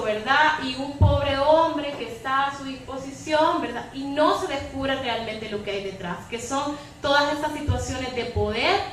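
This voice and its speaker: Recorded on a distant mic in an echoey debate hall with background noise, a woman panelist with a high, slightly bright voice makes her impassioned case. She argues analytically and with emphasis, often tacking a questioning tag onto the end.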